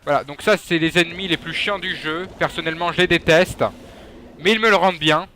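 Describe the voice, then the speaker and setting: A man's voice: fairly high pitch, brisk, pushed and bright, slight background noise. A young man giving casual, joking gameplay commentary, trash-talking enemies and swearing. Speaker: gaming YouTuber.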